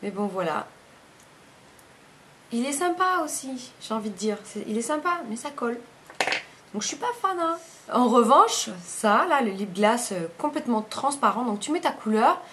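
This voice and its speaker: A woman's voice: on the high side, expressive, moderate pace, a bit bright, a little hiss or hum. A woman, chatting casually through a makeup review, rambling and often correcting herself mid-sentence. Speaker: beauty vlogger.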